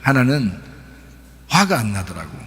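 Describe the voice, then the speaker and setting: A middle-aged man preaching a sermon as pastor, talking in a relaxed conversational way with many fillers. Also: medium pitch, measured pace, breathy edge. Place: church sanctuary. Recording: long church hall reverb.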